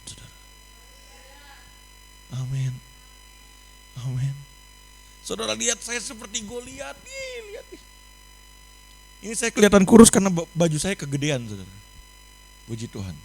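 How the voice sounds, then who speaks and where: A young man preaching a sermon at an online youth service, switching between loud exclamations and quiet, confiding passages. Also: sits high, a little hiss or hum, low-quality recording.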